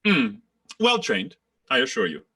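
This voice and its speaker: A man voicing an assured actor-manager who directs his company and corrects the pronunciation. The voice is bright and animated, with plenty of pitch movement. He sounds sure of himself and a little grand. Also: unhurried. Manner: assured, explanatory, theatrical. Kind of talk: radio drama acting.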